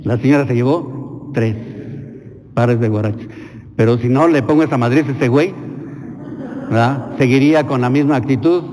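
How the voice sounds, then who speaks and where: A Mexican priest preaching an informal homily, colloquial, earthy and blunt, with slang. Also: male voice, medium pitch, normal speed, long pauses, darkish tone, long reverb tail, low-quality recording. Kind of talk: informal homily and prayers at Mass. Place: chapel.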